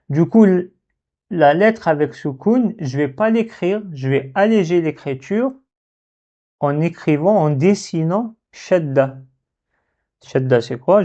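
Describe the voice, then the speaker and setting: Man, teacher, thinking aloud, slow, mellow voice, dull lo-fi recording. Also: a little high. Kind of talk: Arabic letters lesson. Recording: dull lo-fi sound.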